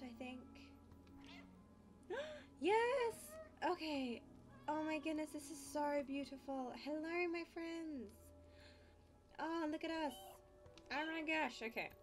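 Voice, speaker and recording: A woman's voice: high voice, steady tone, moderate pace, soft background music. A woman playing a video game, gushing, gasping and exclaiming with delight as she comments. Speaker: gaming video host. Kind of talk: let's play commentary.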